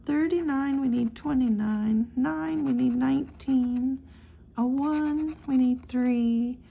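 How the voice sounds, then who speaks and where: A woman hosting a scratch-off ticket channel, reading numbers one by one in a slow, steady casual narration, recorded close indoors. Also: high-pitched, vocal fry, slightly rough. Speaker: lottery scratch-off channel host.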